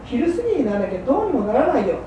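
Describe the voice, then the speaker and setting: Woman as a high-voiced, scolding Edo wife; far off, echoey hall. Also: very animated, mellow. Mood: coaxing. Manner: coaxing, reproachful, brisk. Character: patient, shrewd working-class wife of a fishmonger. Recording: roomy hall from far off, faint hum.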